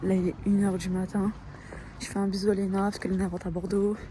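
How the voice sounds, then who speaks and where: A woman's voice: mid-range voice, level tone, quick pace, background noise. A woman in her early twenties chatting casually to camera, tired and mixing English phrases into her talk. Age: early 20s. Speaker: vlogger.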